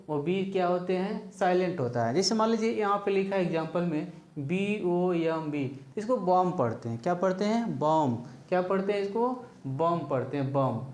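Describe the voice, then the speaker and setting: A woman teaching English spelling, slowly spelling words letter by letter and asking questions she answers herself. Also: on the low side, darkish tone, reverberant. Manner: asks a question, then answers it herself, over and over. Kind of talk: classroom-style explanation of silent letters.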